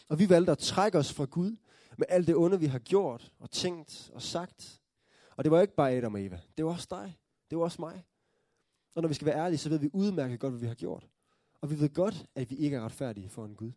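A man preaching a sermon, telling the story earnestly, checking in with his listeners through tag questions and building to joyful excitement. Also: fairly high pitch, no room sound, studio quality.

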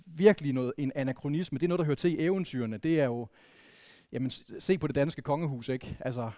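A man's voice: mid-range voice, mellow, no room sound, studio quality. A man from northern Denmark preaching a sermon in a conversational way, often restarting and adding questions to the congregation. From Vendsyssel, Denmark. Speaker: pastor.

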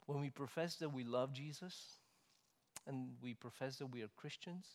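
A male preacher with a mid-range voice, his sermon rolling through a reverberant church hall. He swings between loud, emphatic stresses and quiet, conversational asides. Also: mid-range voice, normal speed. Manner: rises to loud emphatic stresses, then drops soft and conversational.

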